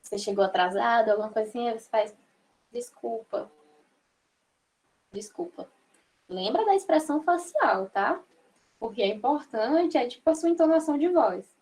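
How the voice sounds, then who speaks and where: A young adult woman from Brazil teaches a sign language class online, going step by step slowly and patiently while checking in with her students often. Her voice is a little high, sing-song, and a little mellow.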